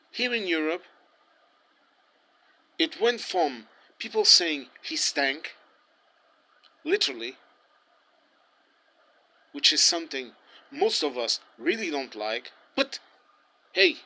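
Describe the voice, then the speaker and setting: A man being interviewed on the street gives an impassioned opinion in English, though his first languages are Portuguese and German. His voice is a little high with a sharp tone, and he rants heatedly, restarting his sentences again and again.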